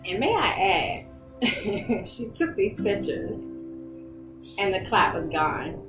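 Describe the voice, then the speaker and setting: A woman recounts a personal story in a relaxed, chatty way, slipping into the voices of the people she quotes with sudden leaps in pitch. Her voice rings in a roomy, echoing space, with loud music playing underneath. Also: slow pace. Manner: acts out quoted dialogue with big pitch jumps. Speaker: interviewee sharing a hospital story. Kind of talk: casual storytelling. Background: loud background music.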